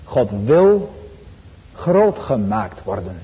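A man preaching a sermon to his congregation, earnest and emphatic, slowing for quotations and rising in fervor. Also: mid-range voice, very animated. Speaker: pastor. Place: church. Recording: dull sound with long church reverb.

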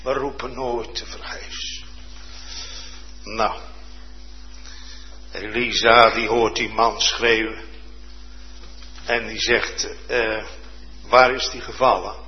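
A man preaching a sermon with fervent, dramatic delivery, dropping to hushed tones and rising to loud exclamations. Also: lowish voice, level tone, drawn-out words, pauses often, a little hiss or hum. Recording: dull lo-fi sound.

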